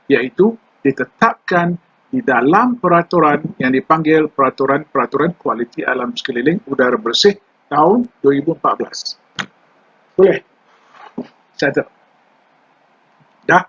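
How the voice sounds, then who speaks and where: Older Malaysian trainer, husky, a bit high, chatty lecture, lo-fi dull recording. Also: male voice, fairly bright tone. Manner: conversational, mixes English terms into Malay, quizzes the class. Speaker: environmental law trainer.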